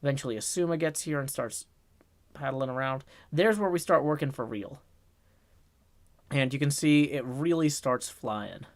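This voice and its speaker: A man hosting a casual livestream in a raspy, strained put-on voice, chatting and reading viewer comments into a boom mic. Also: normal speed, no echo. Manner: rambling, chatty, talks to chat while working on a build. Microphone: boom microphone.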